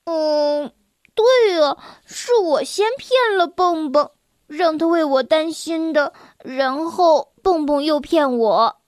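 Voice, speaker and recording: A playful young frog boy with a bright, very high voice who loves to tease and giggle, as a woman reading a storybook puts him on. He drawls his words out slowly and the recording is close and dry. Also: animated, dry recording. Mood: thoughtful. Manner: teasing, giggly.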